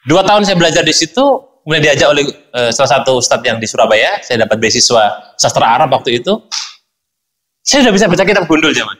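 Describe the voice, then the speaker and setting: Bright-voiced male preacher telling stories. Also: medium pitch, quick pace. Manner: animated storyteller, acts out dialogue, addresses congregation often. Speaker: Islamic preacher. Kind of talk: sermon with personal storytelling.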